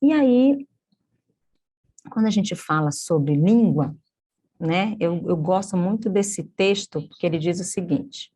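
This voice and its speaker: A woman with a Brazilian Portuguese accent teaches an online course in a lowish, mellow voice, slow but animated. She explains things step by step, often checks in with tag questions, and corrects herself mid-sentence.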